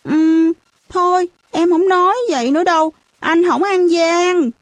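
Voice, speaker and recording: Little girl, naive, high whiny voice, pleading, storybook child, voiced by a woman. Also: normal speed, no echo, natural voice.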